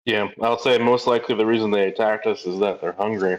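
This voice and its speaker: A man's voice: on the low side, steady tone, fast talker. A man playing a tabletop role-playing game, rambling as he plans aloud, over a dull lo-fi microphone. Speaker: player. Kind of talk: tabletop role-play chat. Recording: dull lo-fi mic.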